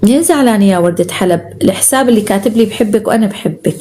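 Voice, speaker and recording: A woman's voice: medium pitch, rapid-fire, mellow. A woman with a Syrian Arabic accent hosting a live stream, chatting casually as she reads out viewer comments and showers them with endearments.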